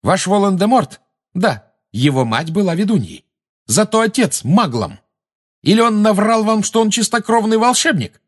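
A man's voice: mid-range voice, very animated, brisk, breathy edge, voice pushed up. A man voicing a cornered but bold teenage boy wizard who taunts his enemies. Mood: defiant. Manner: defiant, taunting.

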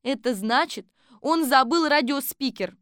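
Keen young female sidekick for a storybook reading, voiced by a woman, high and loud. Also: a little slow, smooth, dry recording, clean studio sound. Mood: excited. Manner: excited, breathless reporting. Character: eager young female detective assistant. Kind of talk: audiobook character voice.

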